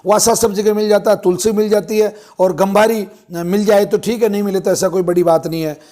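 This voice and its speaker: A man giving an informal Ayurvedic health talk, explaining step by step with frequent pauses and fillers. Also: high voice, steady tone, mellow. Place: ashram.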